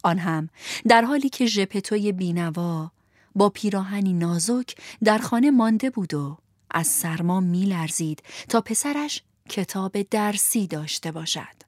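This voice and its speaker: A woman narrating a children's storybook in an expressive voice, at times soft and half-whispered. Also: medium pitch, no room sound, studio quality.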